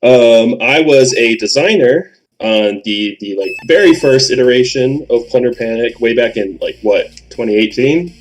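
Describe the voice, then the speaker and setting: A man's voice: medium pitch, animated, normal speed, a little hiss or hum, rough recording. A man who was a game designer, chatting casually on a voice call with laughs and self-deprecating jokes. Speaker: former game designer guest. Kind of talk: casual voice chat.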